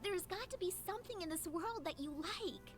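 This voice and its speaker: Pleading game heroine, very high voice, sing-song swoops, game score playing behind. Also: female voice, expressive, moderate pace, music in the background. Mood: plaintive.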